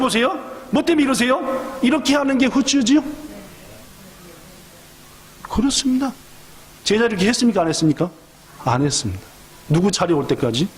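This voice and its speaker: A man preaches a sermon from a church pulpit, his voice pitched high and rising and falling sharply. He keeps quizzing his congregation and acting out the voices in his story. Long church reverb trails every phrase. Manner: lively, questions the congregation and acts out voices. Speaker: pastor. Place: church sanctuary.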